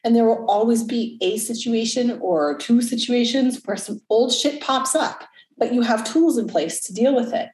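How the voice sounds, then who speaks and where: A woman's voice: on the high side, normal speed, darkish tone, reverberant, low-quality recording. A woman in her early forties, a coach, talking frankly and reflectively in casual chat, cursing now and then. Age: 40s.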